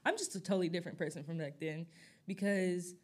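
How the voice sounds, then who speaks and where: A woman's voice: on the low side, fast talker. A woman in her twenties co-hosting a casual chat, telling stories with lots of laughs and fillers. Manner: animated storytelling, frequent laughter and fillers. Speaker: podcast co-host.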